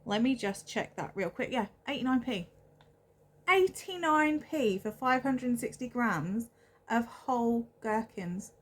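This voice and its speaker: A young woman from England, chatting casually and self-deprecatingly as she shows off a shopping haul on her vlog. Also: medium pitch. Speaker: vlogger.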